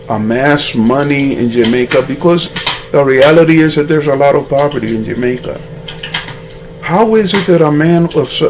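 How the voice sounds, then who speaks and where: A man's voice: medium pitch, noisy background. A man giving rambling, moralizing commentary on a vlog and telling a fable, often restarting his sentences. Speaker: vlogger.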